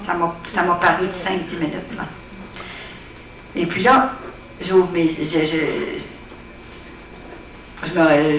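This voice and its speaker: A woman's voice: lowish voice, fairly bright tone, roomy sound. Quebec french lady giving her testimony at a prayer night, earnest and simple, mic far off w a faint hiss. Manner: earnest, plain-spoken storytelling. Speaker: speaker at a prayer evening. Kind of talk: personal testimony to an audience. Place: hall at an evening gathering.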